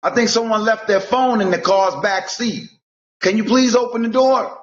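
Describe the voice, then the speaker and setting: A man's voice: high voice, normal speed, close to an everyday voice. A man reading an insistent small-town deputy. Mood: pleading. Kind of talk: amateur table read. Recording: echoey room, dull lo-fi sound.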